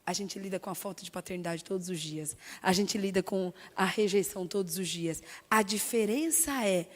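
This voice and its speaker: A woman with a Brazilian Portuguese accent giving an animated, emphatic talk on stage, sharing her own story. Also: mid-range voice, normal speed. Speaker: speaker sharing testimony. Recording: long hall reverb.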